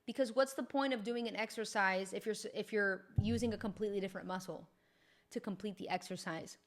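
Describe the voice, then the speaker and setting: A woman's voice: mid-range voice, fairly quick. A young woman fitness coach explaining gym technique in a chatty, upbeat, informal way. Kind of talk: casual instructional talk.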